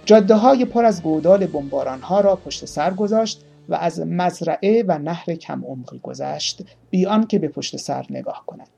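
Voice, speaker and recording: Gravelly dark-voiced guy reading a story, husky, soft music behind. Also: a little high, lively intonation. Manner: reads the tale slowly, playing each speaker with small voice shifts. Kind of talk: audiobook narration.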